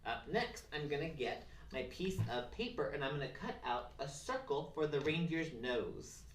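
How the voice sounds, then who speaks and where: Simple, encouraging craft steps for children come in a sing-song, mid-range voice at a normal pace. The sound is roomy and distant, with faint background noise and clicks.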